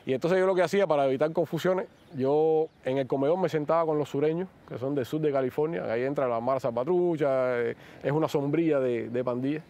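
A man with a Cuban accent, a guest recounting his years in prison in an animated interview manner. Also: fairly high pitch, fast talker. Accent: Cuban Spanish. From Cuba. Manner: animated, acts out quoted speech. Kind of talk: interview storytelling.

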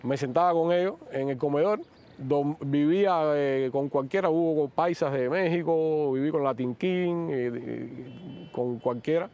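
A man with a Cuban accent, a guest recounting his years in prison in an animated interview manner. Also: on the high side, a little slow, smooth. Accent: Cuban Spanish. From Cuba. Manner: animated, acts out quoted speech. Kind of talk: interview storytelling.

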